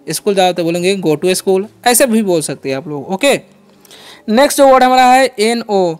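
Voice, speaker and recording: A man hosting his channel and teaching English word by word in Hindi, patient and repetitive, asking and answering his own questions. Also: high-pitched. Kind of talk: Hindi-language English lesson.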